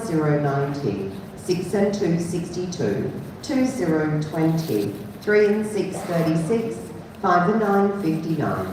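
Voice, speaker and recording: A woman working as a bingo caller, announcing in a measured singsong that drops at the end of phrases. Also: lowish voice. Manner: measured singsong announcing, dropping on the final number. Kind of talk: bingo calling, numbers announced in set phrases. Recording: echoey hall from far off, clear noise.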